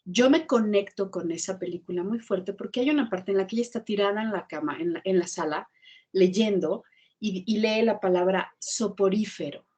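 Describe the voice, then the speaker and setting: A woman with a Mexican accent and a husky, slightly breathy voice recounts her childhood on a video call. She talks in a lively, animated way at a middle pitch. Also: moderate pace. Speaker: guest. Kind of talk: storytelling in an online class interview.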